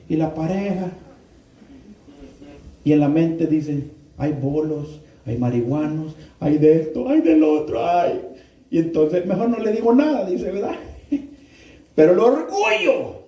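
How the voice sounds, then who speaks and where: A man preaching a sermon, firing rhetorical questions at the congregation and rising into sudden shouts. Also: a little high. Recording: roomy echo, mic far off.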